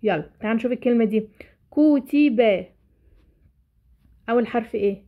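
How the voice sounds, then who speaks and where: A woman's voice: a little high, steady tone, very fast. A woman teacher with an Egyptian Arabic accent explaining a lesson, asking herself questions and answering them. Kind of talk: explaining a lesson to parents and children. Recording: dull lo-fi recording.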